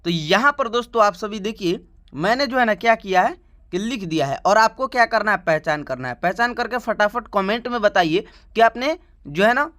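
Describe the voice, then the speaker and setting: A man's voice: high-pitched, bright, forceful tone. A man teaching English letters in an online lesson, chatty, checking in with "right?" after nearly every phrase. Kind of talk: YouTube lesson, reciting the alphabet.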